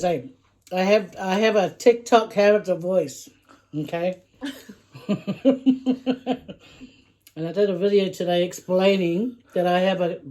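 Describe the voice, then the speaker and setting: A middle-aged mother who makes mukbang videos chats casually with her daughter while eating on camera. Her voice is fairly low and warm, and she laughs often, giggling and talking between bites, even while chewing.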